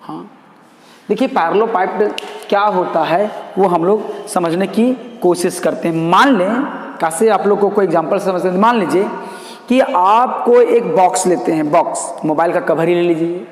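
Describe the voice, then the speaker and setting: A man's voice: sits high, moderate pace. A man teaching a math class, who repeats key terms and asks questions that he answers himself. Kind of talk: classroom lecture. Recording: echoey room with long reverb.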